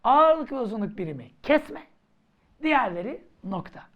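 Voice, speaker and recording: A woman teaching a grammar lesson for exam preparation, theatrical, with mock scolding and sudden shouts. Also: a little high, sing-song, normal speed.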